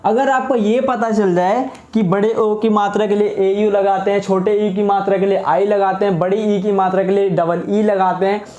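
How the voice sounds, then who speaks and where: A man's voice: sits high, a little mellow. A man teaching English spelling rules, patiently asking rhetorical questions and answering them himself, repeating each point. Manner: patient and repetitive, says each word twice. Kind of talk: explaining spelling rules in a lesson. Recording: echoey room.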